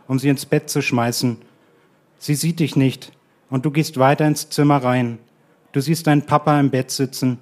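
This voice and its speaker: A man reading his own short story aloud at a live radio event, in a calm and measured way that slows to quiet, drawn-out lines. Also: mid-range voice. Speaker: guest author reading his own text.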